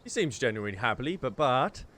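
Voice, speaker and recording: With a medium-pitched voice and a fast pace, a man delivers teasing, animated let's-play commentary as a gaming streamer, giggling now and then. Faint game music sits behind him.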